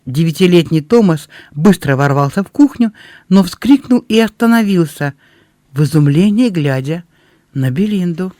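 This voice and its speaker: A man narrating an audiobook in a steady, expressive storytelling way. His voice sits high for a man. The sound is dry and close, with no room around it. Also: moderate pace, no room sound. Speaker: audiobook reader. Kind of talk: scripted narration.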